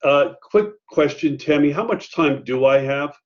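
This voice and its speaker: A man's voice: on the high side, expressive, a little slow. A man presenting an online training workshop for teachers in a conversational way, with many fillers and asides. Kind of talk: online faculty training talk. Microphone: video call. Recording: muffled video-call audio.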